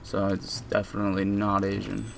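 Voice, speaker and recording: A man's voice: on the low side, monotone, normal speed, vocal fry, noisy background. A young man rambling casually through a voice-over commentary on his own game footage, with lots of fillers and restarts. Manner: rambling and laid-back, with many fillers and restarts.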